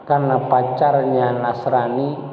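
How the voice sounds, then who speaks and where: A man voicing a teenage girl slowly and hesitantly confessing in a hushed voice. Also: medium pitch, little pitch movement, slight background noise, voice pushed down, natural voice. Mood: ashamed. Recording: tinny, echoey mosque hall.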